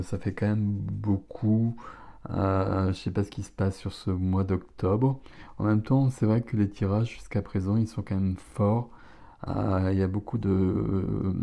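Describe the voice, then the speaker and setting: A middle-aged man doing a casual tarot reading, relaxed and chatty, exclaiming over the cards. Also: low voice, creaky. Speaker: tarot reader.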